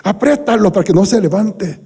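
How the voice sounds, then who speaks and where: A preacher puts on a harried emergency-room doctor snapping brisk commands at a helper. The voice sits raised and urgent. It carries a long hall echo. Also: male voice, high voice, animated, gravelly, warm tone, husky, voice pushed up, full character voice.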